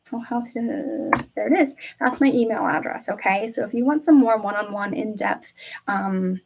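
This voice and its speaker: A woman's voice: mid-range voice, normal speed, vocal fry, darkish tone, slight background noise, low-quality recording. A woman wellness coach giving a casual live-stream talk to viewers, chatty and often tagging lines with a questioning "okay?".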